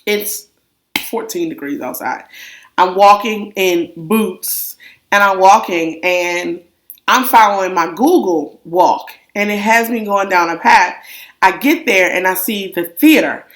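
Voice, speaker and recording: A young adult woman co-hosting a casual chat, telling a story with an animated, exaggerated delivery and acted-out quotes. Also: medium pitch, unhurried. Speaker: co-host.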